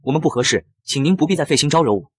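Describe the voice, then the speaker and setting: Brief: a man doing a haughty young star, cool and cutting, husky, fast delivery. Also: on the high side, animated, dry recording, clean studio sound. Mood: cold. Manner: cool, sarcastic, curt. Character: proud, stubborn young male star, cold and cutting.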